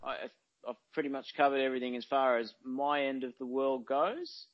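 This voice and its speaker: Aussie bloke co-hosting a podcast, casual, medium pitch, dry close sound. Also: male voice, little pitch movement, moderate pace, dry recording, muffled recording. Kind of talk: casual chat.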